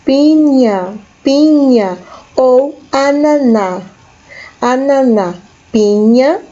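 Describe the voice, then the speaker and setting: A woman with a Brazilian Portuguese accent, teaching a recorded lesson to children, slowly and patiently repeating each word for young learners. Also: medium pitch, warm tone, highs cut off. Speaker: school teacher.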